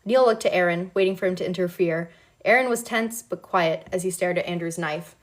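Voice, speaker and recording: A woman reading a novel aloud in a relaxed, casual way, now and then breaking off to comment. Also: fairly low pitch, brisk. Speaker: reader.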